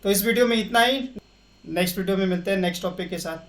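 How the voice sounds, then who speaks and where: A young man with a high voice talks very fast as he hosts a casual step-by-step tech tutorial via screen share. He walks viewers through settings, peppering his explanations with English terms.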